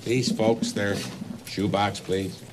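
A man's voice: on the low side, fairly even intonation, takes it slowly, noisy background. A man in his sixties playing a weary police detective in charge, in a film. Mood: weary, uneasy. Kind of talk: film acting.

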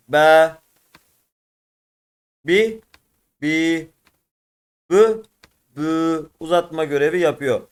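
A man with a Turkish accent goes through exam questions as a teacher, talking to his viewers as friends. He often stretches syllables out slowly and repeats them. His voice sits a little on the high side. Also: smooth. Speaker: religious studies teacher. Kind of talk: exam-prep lesson, solving test questions.

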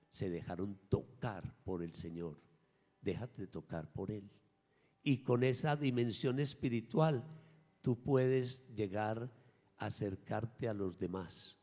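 A man, a priest, preaching a sermon at Mass, emphatic, swinging between raised and hushed lines. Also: on the low side, big-room sound. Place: church.

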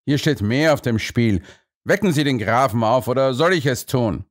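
Ein Mann, der in einem Hörbuch einen strengen, ungeduldigen älteren Kanzler spricht, herrisch und befehlend. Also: male voice, mid-range voice, expressive, normal speed, no echo, clean studio sound, close to an everyday voice.

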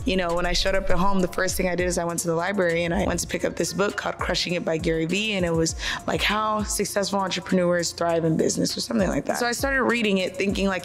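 Young woman, earnest, lowish voice, handheld mic, faint music underneath. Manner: earnest, animated storytelling with hand gestures. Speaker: vlogger. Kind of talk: personal story and prayer to camera. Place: apartment living room at night, on a couch.

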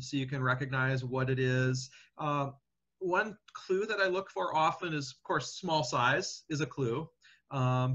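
A paleontologist guest answers questions in a casual interview, his fairly high voice pushed and bright. He thinks aloud, full of fillers and restarts. The audio is dull and lo-fi.

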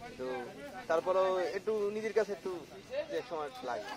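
A man with a somewhat raised voice chats casually at an outdoor fish market, loud crowd noise all around him. He answers briefly and encouragingly. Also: high voice, expressive, fairly quick. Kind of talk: casual chat. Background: busy crowd noise.

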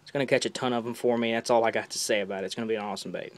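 A man's voice: mid-range voice, steady tone, racing. A young man casually chatting while unboxing gear, enthusiastic and rambling, often repeating words, on a camera held close. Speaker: fishing vlogger.

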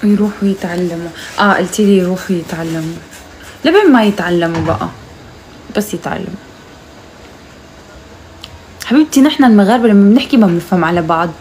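A young Moroccan woman with a Moroccan accent, chatting casually and teasingly on a live stream, now and then calling out loudly to her mother. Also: medium pitch, animated, quick pace, long pauses, a little hiss or hum.

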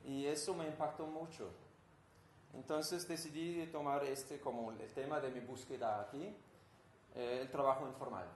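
Danish composer with a Danish accent, giving an informal talk to an audience, roomy sound with faint background noise. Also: male voice, mid-range voice, steady tone, moderate pace. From Denmark. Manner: engaged, asks the audience questions, searches for Spanish words. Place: room with an audience.

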